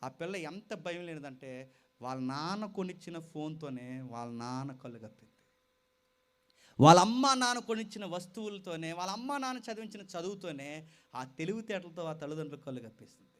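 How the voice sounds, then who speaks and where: A man preaching a sermon with passion. He moves from loud appeals to quieter storytelling, speaks straight to his listeners and repeats phrases for weight. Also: a little high, expressive, fairly quick. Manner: impassioned, swings from loud exhortation to quiet storytelling; addresses listeners directly and repeats phrases for emphasis.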